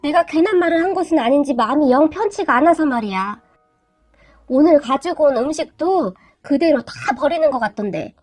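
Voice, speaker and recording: A woman's voice: high voice, animated, brisk, soft background music. A woman reading as a worried security guard. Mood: concerned. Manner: gentle, concerned. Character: middle-aged male security guard, worried and kindly.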